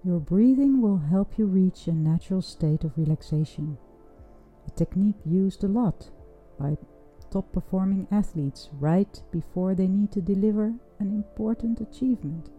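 A woman leading a guided breathing meditation in a soft, soothing, unhurried voice with long pauses. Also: medium pitch. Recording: dull, muffled sound with music underneath. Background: music.

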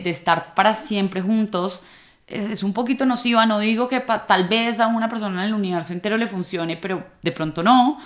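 A woman's voice: medium pitch, fairly bright tone. Woman, late 20s, personal vlog talk, thoughtful and chatty with restarts. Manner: reflective, conversational, frequent fillers and restarts.

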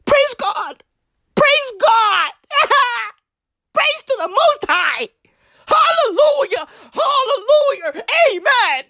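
Her pitch is extremely high and her pace slow as this comedian, a native Tswana speaker from southern Africa, rambles through a profane, slang-laden comic rant in stand-up style. The delivery is animated, and the studio-quality recording carries no room sound.

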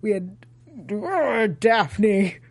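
A woman's voice: medium pitch, animated, very slow, no echo. A woman hosting a casual TV after-show, chatting emphatically and repeating her points for effect. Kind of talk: casual TV recap chat.

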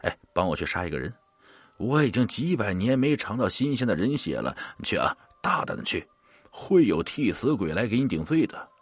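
Bottle ghost craving blood, coaxing and menacing, a man puts it on; swooping delivery, low-ish. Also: sing-song, a little fast, breathy edge, dry recording.

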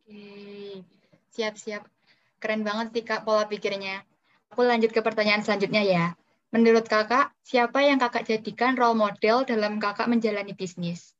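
A woman's voice: medium pitch, steady tone, moderate pace. A woman hosting an interview, asking brief, friendly questions. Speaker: interview host. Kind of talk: casual interview. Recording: dull lo-fi sound.

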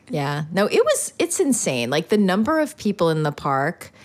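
A woman's voice: mid-range voice, a little slow. A woman co-hosting a casual advice podcast, telling stories with lots of laughter and acted-out reactions. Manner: animated storytelling, laughs often, mimics herself. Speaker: podcast co-host. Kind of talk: casual chat.

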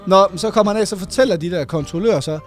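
A man co-hosting a casual chat, telling an animated story with plenty of laughs. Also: high-pitched, faint music behind. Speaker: podcast co-host.

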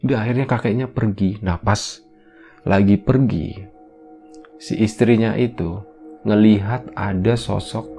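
A man's voice: on the low side, creaky, dark tone. A man hosting a horror podcast, telling a story in casual slang full of fillers.

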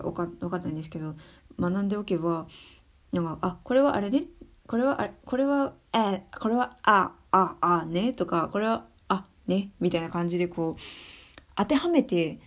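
A young adult woman giving her views in a casual spoken monologue, soft and thinking aloud with many fillers. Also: on the low side. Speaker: speaker sharing views on education.

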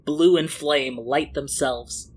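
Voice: mid-range voice, slow pace. A game master narrates a tabletop role-playing game in a mid-range voice. The recording has faint background noise.

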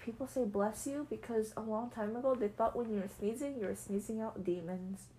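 A young woman co-hosting a casual chat podcast, telling stories in a giggly, animated way. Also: fairly high pitch, brisk. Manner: giggly, animated storytelling with playful voices. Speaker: podcast co-host.

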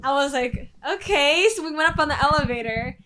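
A woman's voice: high-pitched, quick pace, noisy background. A woman from the family sharing a personal story in a casual chat. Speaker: family member.

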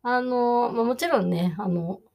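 A woman hosting a solo podcast, chatting casually with many fillers and explaining phrases, quoting English slowly. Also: a little high, vocal fry, a little mellow. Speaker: podcast host.

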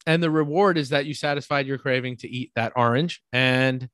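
A podcast co-host with a New York accent explains ideas casually and conversationally, drawing on everyday examples and often checking in with "right?" His voice is mid-range and brisk, and the recording is dry with no room echo.

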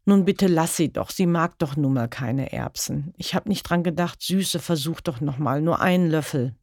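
A woman reading a story aloud and voicing a frightened mother who pleads softly with her husband. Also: low voice, normal speed, no room sound, clean studio sound. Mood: pleading. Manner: soft, pleading.

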